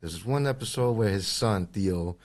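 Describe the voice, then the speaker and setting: A man in his forties, born in Ecuador and raised in Queens, telling his story as a guest artist in a casual interview, with a halting manner and frequent restarts. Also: lowish voice, a little mellow. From Ecuador, raised in Queens, New York. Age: 40s. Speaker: guest, airbrush and tattoo artist.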